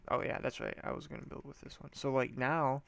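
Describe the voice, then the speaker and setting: A gameplay video host with a stuffy, congested nose chats casually through a building game, rambling and thinking out loud. His mid-range voice is fairly bright and level, with vocal fry and a brisk pace. He's slangy and laid-back, often trailing off and starting over in this let's-play commentary.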